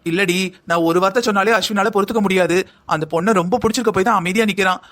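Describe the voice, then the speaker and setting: A woman's voice: mid-range voice, rapid-fire, a bit bright, lightly acted. A woman voicing an anxious, scheming middle-aged mother who talks in a dramatic, self-pitying way in a cartoon drama. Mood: fretful.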